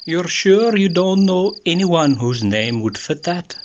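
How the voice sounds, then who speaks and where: A man playing a calm, formal police inspector in an amateur radio murder mystery, speaking in a measured, deliberate way. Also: high voice, muffled recording. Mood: probing, formal. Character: calm, methodical male police inspector questioning murder suspects. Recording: noisy amateur voice-message recording with clicks.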